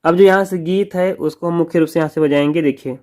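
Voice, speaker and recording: A man teaching a song on the harmonium, calling out and singing sargam notes slowly between quick spoken explanations. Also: on the high side, steady tone, over music. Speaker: music teacher.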